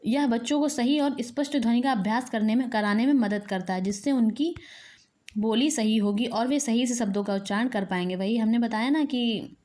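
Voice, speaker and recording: A woman's voice: on the high side, moderate pace, a little mellow. A woman teacher giving an exam-prep lecture, reading each point aloud and then explaining it again in plain words.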